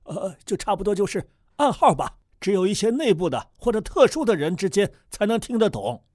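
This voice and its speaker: An older man, grandfather of the family, scolds and explains in a chatty, folksy way. His pitch rises and falls a lot, and the close recording is dry. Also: sing-song, brisk, a little mellow, dry recording. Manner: chiding, folksy and talkative. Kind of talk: scripted family comedy sketch.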